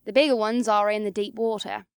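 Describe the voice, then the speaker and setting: A woman's voice: mid-range voice, fairly even intonation, fairly quick, smooth, dry recording, lightly acted. A woman voicing a tired, serious feline alien warrior who speaks formally in an audiobook. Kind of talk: audiobook character voice.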